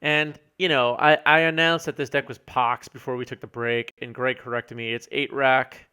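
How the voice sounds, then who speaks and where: A man's voice: mid-range voice, flat delivery, moderate pace, pushed and bright, slight background noise. A man co-hosting live commentary on a card game match, easygoing and joking, reading out chat messages as he goes. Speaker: co-host and commentator.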